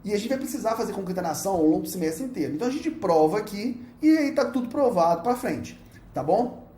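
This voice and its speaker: A man with a Brazilian Portuguese accent teaching a recorded university lecture, playful and animated, often checking in with his students. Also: high-pitched, fast talker, echoey room.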